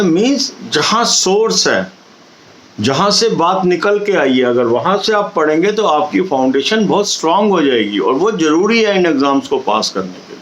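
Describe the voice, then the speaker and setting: A middle-aged man, coaching exam candidates in a steady, instructive talk. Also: a little high, lo-fi sound. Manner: steady, instructive, addresses viewers directly with advice.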